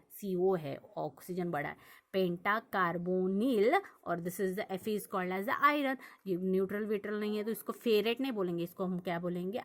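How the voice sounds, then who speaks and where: A young woman teaching a chemistry lesson, working through examples and asking her students questions as she explains. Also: on the low side. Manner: repetitive, checks understanding with questions. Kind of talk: classroom lesson explaining on a board.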